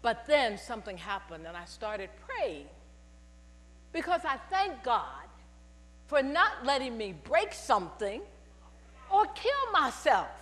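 An older woman in a purple robe gives a testimony sermon from the pulpit of a large church sanctuary, telling stories and calling out to the congregation in animated call-and-response. Her voice is a little high and slow, with long pauses, picked up by a headset mic amid long church reverb and mains hum.

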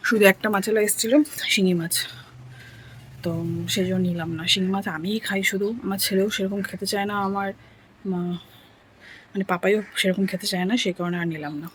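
A woman from India chatting softly through a casual daily home vlog, rambling with little fillers. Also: mid-range voice, steady tone, fairly quick, pauses often, a little hiss or hum. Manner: talking softly so her son can sleep. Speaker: home vlogger.

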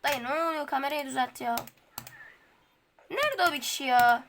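A woman, hosting a gaming video with casual gameplay commentary. She chats straight to the viewers and bursts into high, frustrated yelps. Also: normal speed, fairly bright tone, slight background noise. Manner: talks straight to viewers, colloquial.

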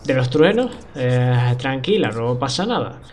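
A man voicing a calm, kind man on the telephone who talks in a soothing, reassuring way in a video game. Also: mid-range voice, unhurried.

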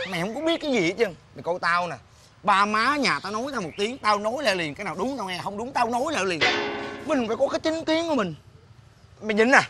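A man playing a cheeky boy who mocks and eggs on his friend, talking in an animated, lively way. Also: high voice. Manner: animated and mocking. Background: music.

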